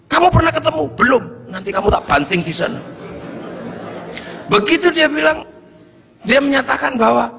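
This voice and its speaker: A middle-aged preacher tells a story in his sermon. His voice sits high and cuts bright, with a husky, gravelly edge, and he acts out the voices and breaks into shouts. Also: in a large hall. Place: religious gathering.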